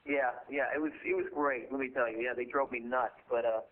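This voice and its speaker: A man's voice: medium pitch, steady tone, fairly quick. A man calling in to a radio show, chatting casually over a hollow phone line that makes him sound like he is in a tunnel. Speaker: caller. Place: his living room.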